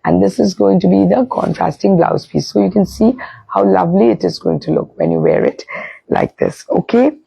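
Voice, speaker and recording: A woman with an Indian Bengali accent hosting a live sari showcase, her voice hoarse and strained from a bad sore throat, often breaking toward a breathy whisper. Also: mid-range voice, big pitch swings, moderate pace, mellow, dry recording, low-quality recording. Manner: repetitive, with frequent "okay" check-ins. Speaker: live sari sales host. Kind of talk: live shopping presentation, casual product showcase.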